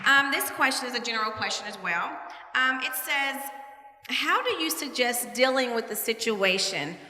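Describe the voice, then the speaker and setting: A woman's voice: on the high side, animated, moderate pace, pushed and bright, some chatter behind. A woman moderating a panel discussion in a large hall with an audience, upbeat and encouraging as she asks questions.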